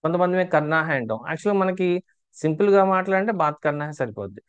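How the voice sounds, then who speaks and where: A fairly high-voiced man leads an online language lesson. He drills each phrase again and again, quizzing and gently teasing his students. The sound is dull and lo-fi, like a web class. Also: animated, racing, clear, resonant tone. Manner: teasing, chatty asides to learners. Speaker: Hindi teacher. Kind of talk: online spoken Hindi lesson in Telugu.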